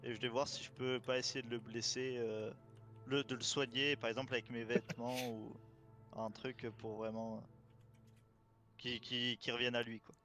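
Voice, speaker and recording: A man playing a tabletop game, chatting casually in halting, repetitive phrases. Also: medium pitch, flat delivery, a bit bright. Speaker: player. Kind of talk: casual tabletop role-play chat. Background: background music.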